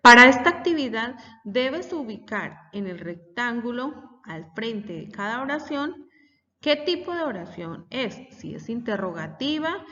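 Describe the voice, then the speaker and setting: Woman teacher, patient, explanatory, slightly high voice, muffled audio, reverberant. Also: sharp tone, distant mic. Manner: patient, explanatory, reading example sentences aloud. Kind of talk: recorded classroom lesson for children. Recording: dull audio with long reverb.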